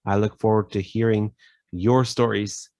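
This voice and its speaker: A man teaching a casual English vocabulary lesson, repeating phrases and filling pauses with "you know". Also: on the low side, steady tone, darkish tone, no echo.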